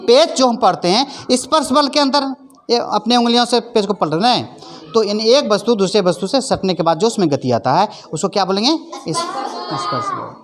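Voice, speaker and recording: A woman's voice: medium pitch, brisk. A woman teacher explaining a lesson in plain, repetitive phrases, often checking that her pupils understand. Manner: leads call-and-response recitation. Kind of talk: classroom lesson. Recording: faint background noise.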